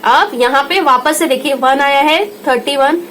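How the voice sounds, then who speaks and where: An Indian woman tutor giving a home lesson, slowly repeating each word and checking in with her listener. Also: sits high, a bit bright, a little hiss or hum, rough recording. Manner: slow patient repetition, checks in with "theek hai".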